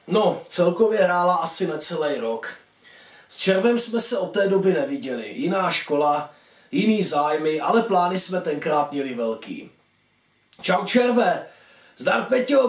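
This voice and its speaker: A man reading his own short story aloud, expressive and voicing each caller in turn. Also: a little high. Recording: echoey room, distant mic.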